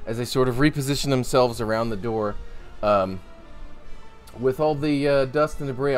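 A man acting as game master, narrating a tabletop game in a casual, profane way while thinking aloud. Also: medium pitch.

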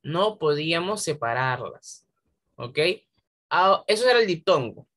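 A woman's voice: low voice, lively intonation, measured pace, fairly bright tone. A woman teacher giving a patient lesson to young pupils, quizzing them step by step. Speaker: primary school teacher. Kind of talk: online class lesson.

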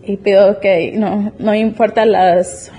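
Earnest young woman with a husky, mellow voice. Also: medium pitch, steady tone, slow. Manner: emotional, earnest, with frequent restarts. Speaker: church testimony speaker. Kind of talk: personal faith testimony.

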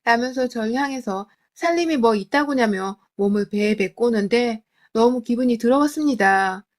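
A woman's voice: on the high side, moderate pace. Woman narrating a dramatic true-life story. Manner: emotional, confiding first-person telling.

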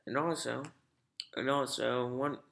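A man hosting a reaction video in halting, casual commentary, repeating his words, with an echo as if from another room. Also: medium pitch, fairly even intonation, vocal fry, fairly bright tone. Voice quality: echoey, as if heard from another room. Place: large echoey room, indoors.

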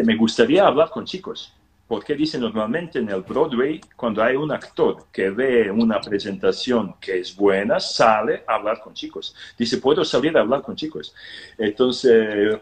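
Lively low-voiced man telling a story. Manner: animated, quotes people in lively voices, laughs often. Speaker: interview guest, pilgrimage organizer. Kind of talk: casual storytelling over video call. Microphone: phone or laptop on a video call.

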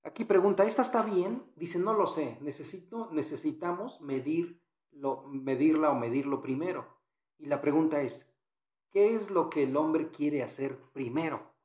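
A man's voice: on the high side, moderate pace, darkish tone, reverberant. A man teaching English in Spanish, patiently walking through exam answers and repeating phrases.

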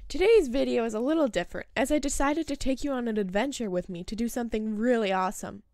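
Woman, slightly high voice, scripted nature vlog narration, host, dry recording. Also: fast, darkish tone, dry recording. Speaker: host of a birdwatching video channel.

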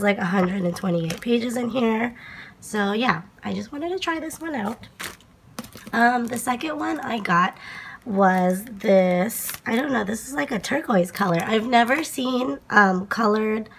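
A young woman chatting casually through a stationery haul, her voice hoarse from a cold, with lots of fillers. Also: medium pitch, slight background noise. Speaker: planner vlogger.

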